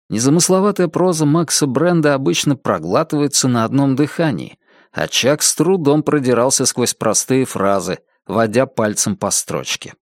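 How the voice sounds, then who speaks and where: A man reading a novel aloud as an audiobook narrator. His delivery is expressive, with plenty of rise and fall in pitch. The recording is dry and close. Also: dry recording.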